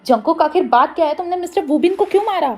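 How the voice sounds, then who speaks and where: A woman voicing a calm, responsible elder brother who reassures his father in a story reading. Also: very high-pitched, fast, over music.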